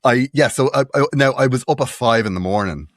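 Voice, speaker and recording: A man's voice: mid-range voice, brisk, dry recording, studio quality. A man co-hosting a comedy podcast, telling stories with lots of laughter and acted-out voices. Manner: animated storyteller, laughs often, acts out quotes. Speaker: podcast co-host. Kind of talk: casual comedic chat.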